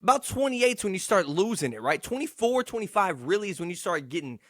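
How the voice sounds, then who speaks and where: Slangy young man, slightly high voice. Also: big pitch swings, brisk, fairly bright tone. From Texarkana, United States. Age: 20s. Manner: profane, slangy, boastful, self-deprecating. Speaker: podcast host. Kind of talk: casual rambling solo podcast monologue.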